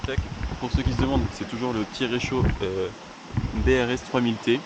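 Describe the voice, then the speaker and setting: A man's voice: mid-range voice, brisk. A young man hosting a casual hiking vlog, joking and chatting to the camera outdoors on a mountain trail. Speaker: hiking vlogger. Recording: outdoor camera audio, stream noise behind.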